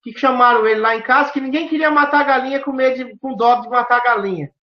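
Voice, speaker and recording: A woman's voice: high-pitched, fast. A woman from southern Brazil with a southern Brazilian accent, telling stories animatedly and acting out quoted dialogue with emphatic questions. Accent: southern Brazilian Portuguese. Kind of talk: animated storytelling conversation. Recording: roomy, dull lo-fi sound.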